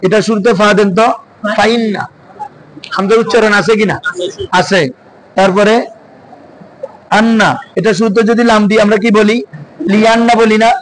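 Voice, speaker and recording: A man's voice: high-pitched, little pitch movement, brisk, pauses often, slight background noise, rough recording. A man teaching an Arabic grammar class in Bengali, drilling his students with constant repeated questions. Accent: Bangladeshi Bengali. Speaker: madrasa teacher.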